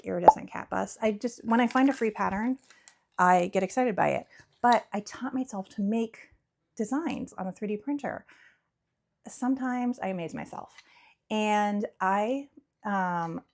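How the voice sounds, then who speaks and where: A woman's voice: mid-range voice, creaky, darkish tone. A young woman chatting casually about her crochet projects, rambling and giggly, often correcting herself. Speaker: crochet vlogger and small business owner. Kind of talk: casual chat.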